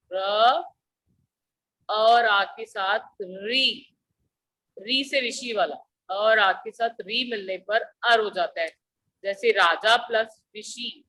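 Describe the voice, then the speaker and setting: Slow, bright-voiced woman teacher. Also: fairly high pitch, slight background noise, poor audio. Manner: slow, patient explaining with repeated questions to students. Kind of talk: classroom grammar lesson.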